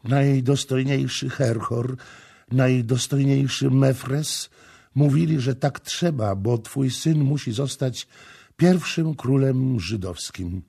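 A frightened young mother pleads and begs, as a male reader voices her. The voice is raised yet husky and gravelly. It is audiobook character reading. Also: mid-range voice, slow pace, dark tone, voice pushed up, full character voice. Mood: pleading. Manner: pleading, fearful.

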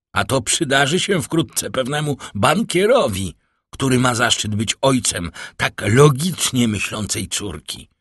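A man's voice: lowish voice, fairly bright tone, no echo, studio quality, exaggerated voice. A man voicing a cold, scheming middle-aged banker who lectures his daughter with sarcastic irony. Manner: stern, ironic, lecturing. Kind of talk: audiobook character voicing.

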